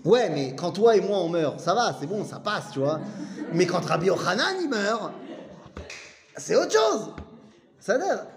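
Unhurried and pausing often, a man whose voice sits high and swings widely in pitch teaches a casual study lesson in a large hall. He reads old Aramaic texts aloud, then retells them in chatty French laced with jokes.

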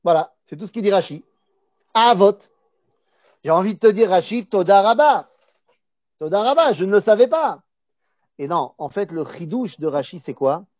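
A man's voice: high voice, expressive, normal speed, long pauses, a little mellow, no room sound. A man with a Polish accent giving a religious lesson. He is emphatic, repeats key words and asks and answers his own questions. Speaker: Torah teacher. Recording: dull, dry lo-fi recording.

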